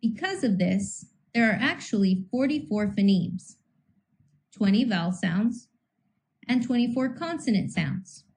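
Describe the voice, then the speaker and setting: A woman reading a scripted teaching lecture in a measured way, slowing down to sound out individual speech sounds. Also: medium pitch, animated, darkish tone, low-quality recording. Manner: measured, slows to sound out phonemes. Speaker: instructor.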